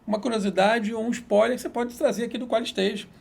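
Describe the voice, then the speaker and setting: A man with a raspy, gravelly voice running an interview. He speaks quickly in a fairly high register and asks long, winding questions. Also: fairly even intonation. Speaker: interview host. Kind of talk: interview hosting.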